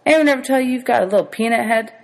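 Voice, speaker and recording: Woman voicing an animated, teasing grown man. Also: on the high side, racing, voice pushed up, close to an everyday voice, poor audio. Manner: animated, wordy, prone to exaggeration. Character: grown man, teasing, exasperated, kindly motorist.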